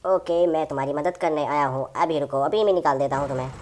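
A friendly male toy tractor, put on by a woman narrating a toy play video, who speaks calmly and reassuringly as he offers help. The voice is pitched a little lower than her usual one. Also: quick pace, slight background noise, lightly acted.

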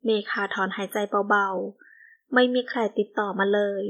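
Female narrator, steady storytelling read, audio novel. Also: medium pitch, a little slow, gravelly, muffled recording. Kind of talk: scripted narration.

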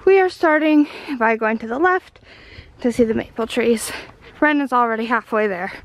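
A woman in her twenties narrates a travel vlog in a casual, enthusiastic way, full of exclamations, her voice on the high side at a moderate pace. She's filming at a farm sugarhouse and outdoors, and the on-location camera audio is noisy.

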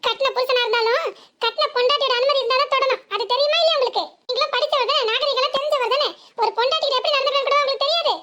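A woman's voice: extremely high pitch, steady tone, very fast, heavy background noise. A woman voicing a defiant young village wife. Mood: angry, defiant. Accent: southern Tamil Nadu. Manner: sharp, scolding retorts. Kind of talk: cartoon voice acting.

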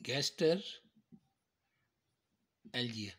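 Man slowly explaining medical terms. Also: medium pitch, expressive, a bit bright. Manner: slow, repetitive, explains step by step. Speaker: teacher. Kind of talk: medical terminology lecture.

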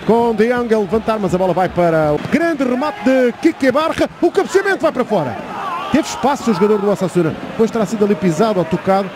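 A man with a European Portuguese accent giving fast, dramatic, excited football play-by-play commentary with urgent calls. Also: high-pitched. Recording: clear outdoor stadium noise behind. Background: stadium ambience.

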